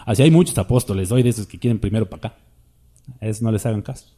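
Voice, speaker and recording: A man's voice: fairly low pitch, animated, fast talker, dark tone, husky. A man preaching a sermon in a conversational way, with asides to his congregation.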